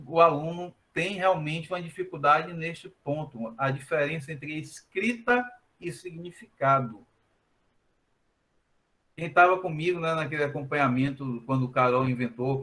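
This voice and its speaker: A math teacher, talking through a recorded lesson at an easy explaining pace. His voice is bright and ringing, sitting a bit high for a man. He repeats his points and keeps tagging them with a questioning "né?". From Brazil.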